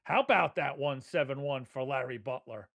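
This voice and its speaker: A man's voice: mid-range voice, moderate pace, vocal fry, a bit bright. A man giving live darts commentary in a conversational, folksy way. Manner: conversational, folksy turns of phrase.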